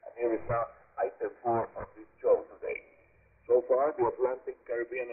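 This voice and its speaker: Heard over a shortwave broadcast picked up on a radio, the sound is narrow and muffled. The Cuban host, a native Spanish speaker with a Cuban accent, uses a mid-range voice with a breathy edge, announcing his scripted show formally, deliberately and emphatically.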